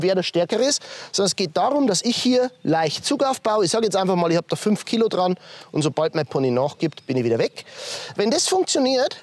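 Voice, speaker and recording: A man, a horse trainer demonstrating hoof handling step by step, softly praising the horse between explanations. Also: high voice, no room sound. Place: outdoors with a horse.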